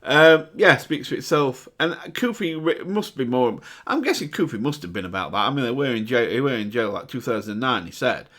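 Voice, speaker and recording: A man's voice: medium pitch, very animated, brisk, hardly any pauses, sharp tone. A man hosting a reaction video, chatting casually and breaking down rap lyrics with plenty of fillers. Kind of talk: casual commentary reacting to music.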